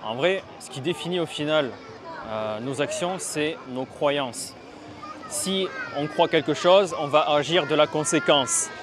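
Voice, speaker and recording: A man's voice: fairly high pitch, unhurried, crowd noise. A man talking casually and bluntly to camera outdoors on a city street, teaching Mandarin learners, with some swearing. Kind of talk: casual vlog talk to camera. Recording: street traffic noise behind.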